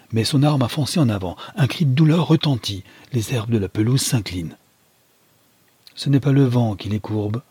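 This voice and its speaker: A man reading a novel aloud as a dramatic first-person narration, measured and gripping. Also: fairly low pitch, warm tone, breathy edge, no echo. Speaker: audiobook reader.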